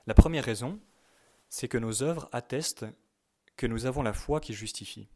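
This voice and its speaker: A teacher at a youth retreat, this man delivers a religious lesson to young people with a warm, mid-range voice. He speaks in a measured way, stresses key words, and sometimes reads quotations aloud.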